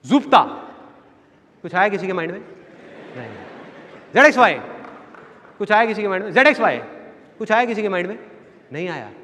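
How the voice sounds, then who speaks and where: With a sharp tone and a high, animated voice, this man talks a little fast but leaves long pauses. He tells stories at a motivational seminar, voicing their characters and hammering home his key phrases. There's slight background noise, long hall reverb, and a faint audience.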